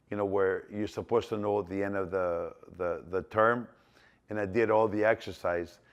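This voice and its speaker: A man's voice: lowish voice, a bit bright, lo-fi sound. A man in his sixties from Greece, speaking with a Greek accent, tells a rambling personal story full of fillers and restarts. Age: 60s. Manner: rambling, repeats himself, many fillers and restarts. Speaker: business owner telling his life story.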